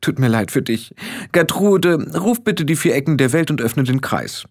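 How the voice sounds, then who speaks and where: Man voicing a bossy teenage witch girl, imperious, condescending, raised pitch, lively swooping intonation, audiobook. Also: moderate pace. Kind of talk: audiobook character voice.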